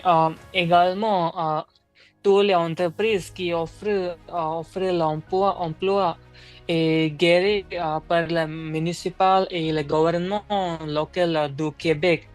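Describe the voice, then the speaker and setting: A woman candidate in a speaking exam role-play, speaking a second language. She talks slowly and a little low, stopping often to search for words and restarting her sentences. Faint music plays behind her. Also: low-quality recording. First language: not French. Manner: halting, many fillers and restarts.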